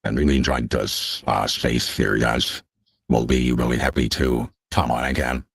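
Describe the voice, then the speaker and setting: Man with a deep voice-changer effect. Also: level tone, creaky, a bit bright, husky, no echo, studio quality. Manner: halting, many filler sounds. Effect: voice changer shifting the voice very deep. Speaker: guest representing a project. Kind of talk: casual online interview.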